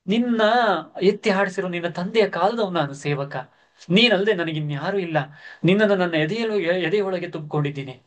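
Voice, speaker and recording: A man voicing an old, faithful male charioteer who humbly pleads with his master, in a raised, strained voice. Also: fairly high pitch.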